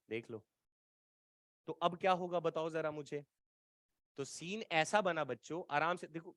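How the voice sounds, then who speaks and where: A man's voice: a little high, a bit bright, no room sound. Coaxing male physics teacher, dry sound. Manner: checks in with students often, coaxing and repetitive; colloquial, playful teasing tone. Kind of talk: exam-prep physics lecture.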